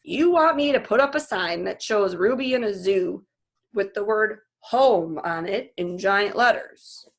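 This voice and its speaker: A skeptical storybook father, read by a woman, reluctant and tired. He speaks slowly and in a measured way, doubting everything put to him. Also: mid-range voice, expressive. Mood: firmly refusing. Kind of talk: children's novel read-aloud.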